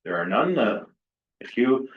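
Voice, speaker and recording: A man formally chairing a council meeting as deputy mayor, with a halting, hesitant delivery. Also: medium pitch, big pitch swings. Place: indoor council chamber. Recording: roomy, distant, dull meeting microphone.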